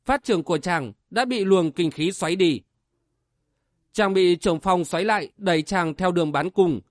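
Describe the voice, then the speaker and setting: Male audiobook narrator, high-pitched, dramatic, dry close sound. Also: moderate pace, no room sound. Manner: vivid, dramatic storytelling.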